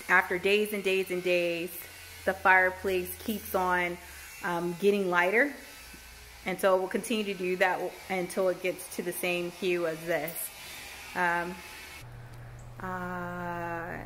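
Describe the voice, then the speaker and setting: A woman with a somewhat low voice talks through her house renovation in a relaxed, chatty way. She leans on fillers and loose asides as she narrates. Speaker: home renovation vlogger. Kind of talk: casual voice-over narration of a home renovation.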